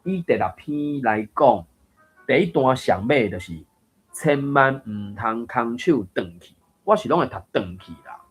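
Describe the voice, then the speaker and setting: A man giving a casual lesson on reading aloud, thinking aloud with many fillers and restarts. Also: mid-range voice. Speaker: Taiwanese reading coach.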